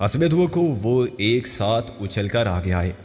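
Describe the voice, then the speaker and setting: A man narrating a crime thriller novel as an audiobook, with steady storytelling. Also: fairly low pitch. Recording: long hall reverb with faint music.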